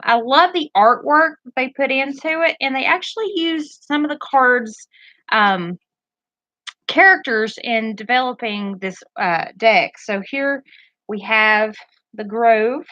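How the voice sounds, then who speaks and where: A woman chatting on a home live stream from her bedroom, a little nervous and rambling as she loses her train of thought. Her voice is bright and lively and rises and falls a lot. The sound is dry and a bit muffled. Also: fairly high pitch, no room sound. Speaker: tarot reader and streamer. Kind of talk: casual live-stream chat. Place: bedroom at home, pets nearby.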